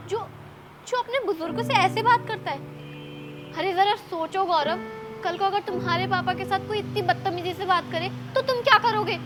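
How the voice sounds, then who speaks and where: A young woman playing an engaged woman who earnestly scolds her fiancé for disrespecting an elder. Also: very high-pitched. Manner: reproachful, lecturing, earnest. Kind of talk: web short drama acting. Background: background music.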